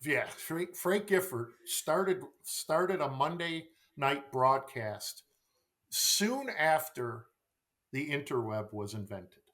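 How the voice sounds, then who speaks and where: Slow and expressive, his fairly high, slightly bright voice belongs to a middle-aged man who coaches sales and is guesting on a podcast. The talk is a conversational interview, and he's emphatic, repeating phrases and posing rhetorical questions.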